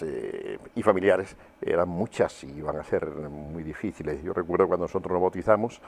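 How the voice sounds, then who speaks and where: Here an older man from Huelva in Andalusia, Spain, talks in a low, deep voice with a darkish tone. Reflecting on his memories as an interview guest, he offers personal testimony, stopping to search for the right words.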